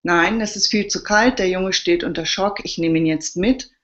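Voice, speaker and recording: A woman's voice: fairly low pitch, normal speed, a bit bright, natural voice. A woman voicing a firm, protective male fire brigade leader, in a dull lo-fi recording.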